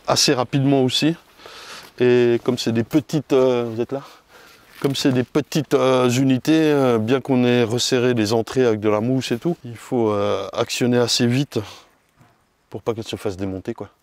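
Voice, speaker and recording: A man checking his beehives outdoors, chatting loudly and self-mockingly to a camera mic some distance away, in a joking put-on southern French twang. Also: medium pitch, dry recording. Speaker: beekeeper. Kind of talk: casual vlog while working. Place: outdoor apiary among hives. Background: faint buzzing of bees.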